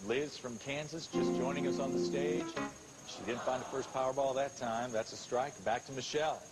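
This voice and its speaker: An American man hosting a televised game show with smooth patter and drawn-out suspense. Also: medium pitch, fairly even intonation, loud music behind the voice. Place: television studio with audience. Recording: noisy old TV broadcast tape.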